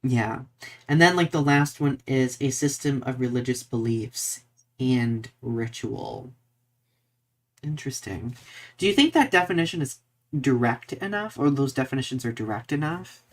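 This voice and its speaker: A man co-hosts a live podcast, talking casually and conversationally while he thinks aloud to explain things. His voice is medium-pitched and expressive, delivered at a moderate pace.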